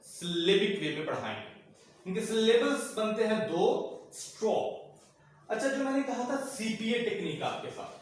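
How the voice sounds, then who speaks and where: A man's voice: high voice, recorded from a distance, slight background noise. A man training teachers in a classroom, explaining methods step by step and repeating key words. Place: classroom with a board. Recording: very echoey room, from off the mic.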